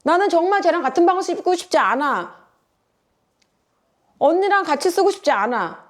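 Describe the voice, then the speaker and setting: A woman's voice: extremely high pitch, lively intonation, normal speed, voice pushed up. A woman voicing a sulky young girl complaining. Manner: complaining, resentful. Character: young girl sulking about sharing a room.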